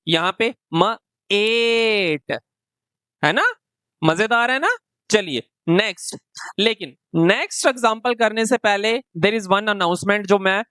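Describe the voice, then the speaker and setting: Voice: medium pitch, fairly bright tone, clean tone, no echo. Patient phonics teacher, dry close recording. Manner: slow, question-and-answer explaining. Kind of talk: classroom phonics lesson.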